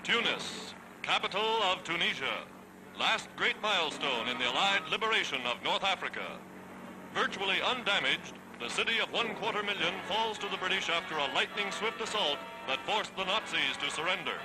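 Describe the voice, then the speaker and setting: A man's voice: sits high, lively intonation, moderate pace, poor audio. A man giving 1940s wartime newsreel narration in a declamatory, stirring and triumphant way. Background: loud music.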